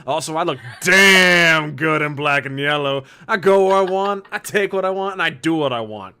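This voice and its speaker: A man's voice: a little high, normal speed, bright, forceful tone, smooth, voice pushed up. A man voicing a cocky, crude female thunder bird creature with a New Jersey accent, boasting and swaggering. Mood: boastful.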